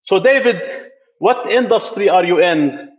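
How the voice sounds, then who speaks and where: This tech channel host, a middle-aged man from Lebanon, streams casually from the gym in his building, rambling with frequent fillers and false starts. He has a high voice with lively intonation and a measured pace, captured in lo-fi sound.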